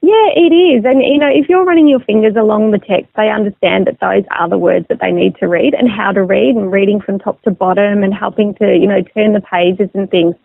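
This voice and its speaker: Female interview guest, explanatory and chatty, gravelly fry in the voice, tinny telephone sound. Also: mid-range voice, fairly quick, hardly any pauses, no room sound. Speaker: magazine editor as interview guest. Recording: narrow phone line sound.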